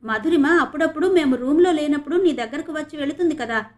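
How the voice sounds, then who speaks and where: Brief: woman narrator doing a sly young man, taunting and needling, a little raised in pitch, audio novel. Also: fast talker, close to an everyday voice. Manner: sneering, needling.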